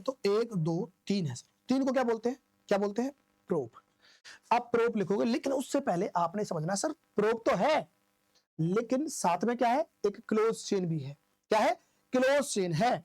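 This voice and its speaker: A man's voice: very high-pitched, lively intonation, moderate pace, darkish tone, no echo. A male teacher giving a classroom-style lecture. He asks questions, answers them himself and repeats the key terms in an informal, coaxing way.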